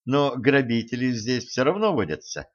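A male narrator voicing a bold, sharp-tongued young woman who answers with sarcastic retorts. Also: mid-range voice, lively intonation, normal speed, highs cut off, close to an everyday voice. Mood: snappy.

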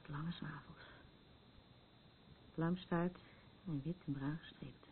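In a radio play, a woman acts a troubled, fearful character who has made herself a night watcher and doomsayer; she is anxious and wandering, rambling, earnest and haunted. Her low voice keeps a steady tone and slow pace, with a subdued, haunted mood. The sound is muffled and phone-like, with background noise.

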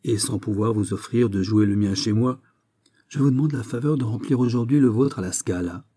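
A man's voice: fairly low pitch, a little fast, warm tone, breathy edge. A man reading the lines of a passionate young society lady in a story, in a pleading, exalted way. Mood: impassioned. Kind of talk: read-aloud story.

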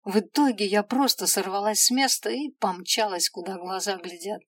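Expressive woman reading a story. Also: medium pitch, normal speed. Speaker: audiobook narrator. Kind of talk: first-person storybook narration.

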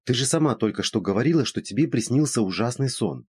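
A brisk, skeptical woman friend, teasing and lecturing in a high, lively voice with a husky edge, as a male reader puts her on. The sound is dry and close. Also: dry recording.

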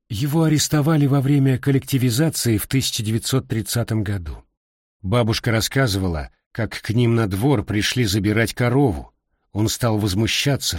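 Husky, measured middle-aged man reading. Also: lowish voice, no echo, studio quality. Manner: calm, reflective, measured. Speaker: narrator. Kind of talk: reading a personal memoir aloud.

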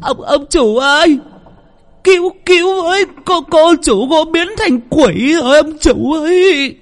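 A terrified older female cook in a horror audio story, played by a man. The voice jumps very high and shrill, stammering and crying out in panic. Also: expressive, a little slow, heavily acted. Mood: panicked. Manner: stammering, shrieking for help.

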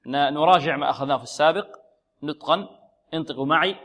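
Fairly high-voiced male recitation teacher; patient, asks and answers his own questions, drills syllables slowly. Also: fairly bright tone. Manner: drills sounds slowly, repeating syllables and asking listeners to repeat; explains patiently, posing questions and answering them himself. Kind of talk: tajweed lesson.

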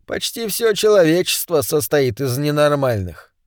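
A man voicing a calm, reflective man who speaks in a measured, gently ironic way. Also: a little high, no echo, clean studio sound.

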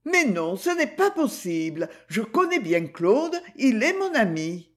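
A woman's voice: on the high side, big pitch swings, unhurried, voice pushed up. A woman voicing a cheerful, affectionate young Parisian woman in an audiobook, speaking in a raised, eager way. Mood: flustered. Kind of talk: audiobook character voice.

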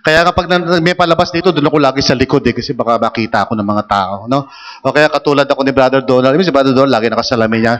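A pastor preaching a sermon in a church hall, talking in a conversational way, teasing the congregation and asking them questions. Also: male voice, medium pitch, fairly even intonation, rapid-fire, fairly bright tone. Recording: long hall reverb.

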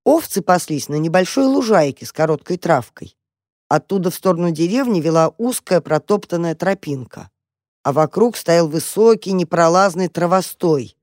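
A woman calmly and expressively narrating a children's tale as an audiobook. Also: lowish voice, moderate pace, no echo, studio quality.

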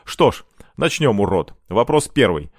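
A man's voice: on the low side, big pitch swings, a little slow, no echo, studio quality, heavily acted. A man voicing a cruel, mocking boy who leads a gang of children, in an audiobook. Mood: taunting. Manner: mocking, taunting.

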